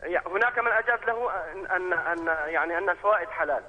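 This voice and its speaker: Man calling in over a dull phone line. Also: high-pitched. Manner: formal and measured, with some hesitant restarts. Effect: heard over a phone line. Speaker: caller. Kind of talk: polite caller asking a religious question.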